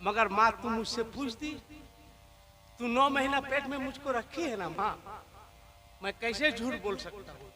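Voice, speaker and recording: A male preacher, voicing an honest young boy who pleads with his mother in a high, loud, tearful way. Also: a little slow, pauses often. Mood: earnest.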